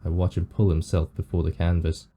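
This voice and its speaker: A man reading the lines of a weary, morbid undead painter from a visual novel, slowly and somberly. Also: low voice, level tone, dark tone. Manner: slow, somber reading of game text.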